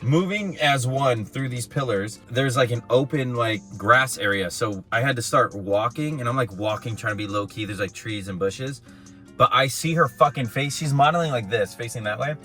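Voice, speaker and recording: Young man, casual vlog chat, bright tone, swears a lot, faint music behind. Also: medium pitch. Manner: animated, swears a lot, fast slangy. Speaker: vlog co-host. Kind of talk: casual storytelling.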